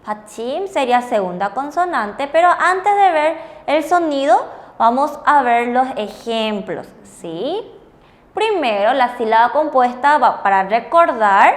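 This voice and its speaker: High-voiced woman teaching. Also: lively intonation, unhurried, in a large hall. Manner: patient, checks understanding with frequent rhetorical questions. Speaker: Korean language teacher. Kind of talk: bilingual classroom lesson on TV.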